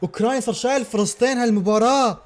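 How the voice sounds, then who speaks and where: A man reacting live to a football match, excitable and full of repeated exclamations. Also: very high voice, very fast.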